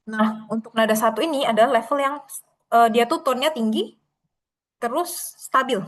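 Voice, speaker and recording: A woman tutoring an online Mandarin class, patiently explaining and modelling tones with drawn-out syllables over a video call. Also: fairly high pitch.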